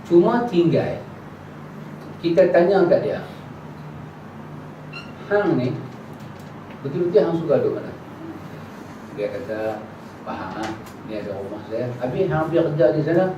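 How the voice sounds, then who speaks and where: A man giving a religious lesson in a prayer hall and answering questions, acting out little dialogues in a casual, lively way. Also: on the high side, unhurried, pauses often. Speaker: religious teacher. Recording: echoey hall, distant mic, dull, noisy.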